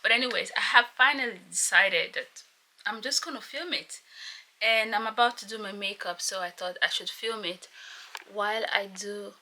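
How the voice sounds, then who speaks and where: A Nigerian woman in her thirties with a Nigerian accent, chatting casually to her camera at home while doing her makeup, keeping her voice soft. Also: mid-range voice, moderate pace. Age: 30s. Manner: rambling, chatty, with fillers and laughs; talks softly so as not to wake someone. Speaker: vlogger. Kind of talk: casual get-to-know-me chat. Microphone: camera mic. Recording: loud background guitar music.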